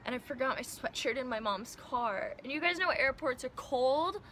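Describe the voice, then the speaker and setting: A young woman from Iowa chats to camera about her life in an animated, laughing way, her voice sitting a little high. She acts out the people she quotes and swears casually. Faint ambience hums behind her. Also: normal speed, a little hiss or hum. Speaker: vlogger.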